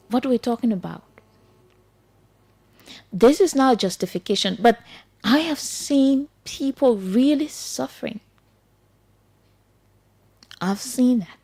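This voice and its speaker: An earnest Liberian woman hosting a morning talk radio show. Her voice sits a little high, and she presses each point by repeating it. She talks to her listeners directly. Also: dark tone. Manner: earnest, repetitive, pleading. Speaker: radio host and journalist.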